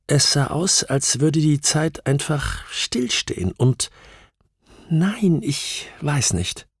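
A man's voice: a little high, sing-song, slow pace, husky, no room sound, pitched above the performer's own voice, exaggerated voice. A man putting on a faltering, frightened young witness woman. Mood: hesitant. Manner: hesitant, faltering, sometimes whispering. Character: shaken young woman, a hesitant traumatized witness. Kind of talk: audiobook reading. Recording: dry close studio sound.

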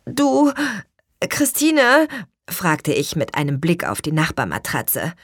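A woman's voice: sits low, lively intonation, moderate pace, breathy edge, no echo, clean studio sound. A woman narrating an audiobook in the first person, telling the story vividly and voicing the dialogue.

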